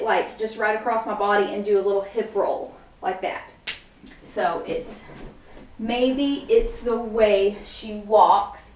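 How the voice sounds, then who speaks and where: A young woman casually teaching a dance routine step by step, with lots of fillers and sung lyric snippets. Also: medium pitch. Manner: chatty, frequent fillers, sings lyric snippets while demonstrating. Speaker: dance instructor. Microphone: camera mic at a distance. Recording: echoey room, far from the mic.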